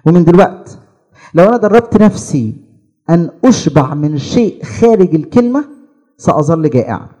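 A man's voice: on the high side, expressive, brisk, mellow. A man with an Egyptian Arabic accent preaching a sermon, asking the listeners questions and answering them with rising emphasis.

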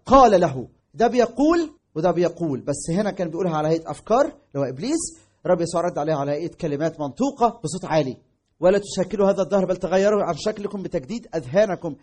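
Fast, husky Egyptian preacher. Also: male voice, high-pitched. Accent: Egyptian Arabic. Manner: emphatic, swings between loud stresses and drawn-out words. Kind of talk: sermon.

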